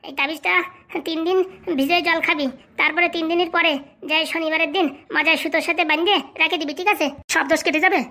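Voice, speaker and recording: Woman doing a shrill scheming con man. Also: steady tone, bright, forceful tone, exaggerated voice. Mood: scolding. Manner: bossy, fast-talking, scolding. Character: scheming young male con man posing as holy fortune-teller. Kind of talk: comic cartoon voice acting.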